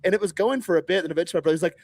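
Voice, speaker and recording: A man in his thirties from Texas, telling stories in a casual podcast chat, animated and swearing freely, acting out other people's lines in raised voices. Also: sits high, racing, creaky.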